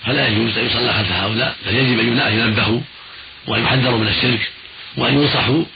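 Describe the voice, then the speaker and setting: A man's voice: medium pitch, fairly even intonation, rapid-fire, gravelly. A man giving religious instruction in formal Arabic as a scholar, didactic and repeating points for emphasis. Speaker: Islamic scholar answering listeners' questions. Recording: noisy, dull old radio recording.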